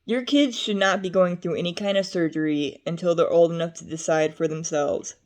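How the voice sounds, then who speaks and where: A woman's voice: on the low side, steady tone, a little fast, darkish tone. A young adult woman vlogging to camera in a rambling, chatty way, drifting between topics with frequent fillers. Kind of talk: casual talk to camera.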